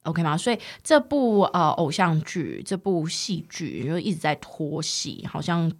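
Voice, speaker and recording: A woman's voice: deep voice, expressive, unhurried, no room sound. A woman hosting a bilingual English lesson, explaining phrases patiently with a teasing, playful manner. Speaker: English teacher and host.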